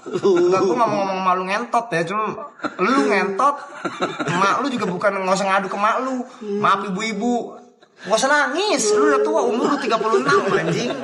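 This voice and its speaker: A male live streamer with a high voice rants at his chat at normal speed, loud, cursing, and laughing. The recording comes from an echoey room with crowd noise.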